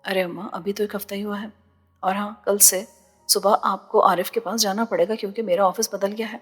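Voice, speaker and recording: A woman's voice: medium pitch, steady tone, slightly rough, long reverb tail, faint music behind, lightly acted. A woman reading as a guarded young woman. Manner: guarded, tight-lipped. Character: young woman, worried and proud.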